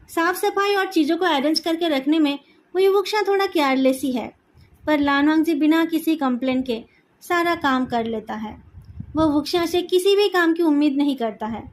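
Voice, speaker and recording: A woman reading a fan fiction story aloud in a calm, even narrating manner. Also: sits high.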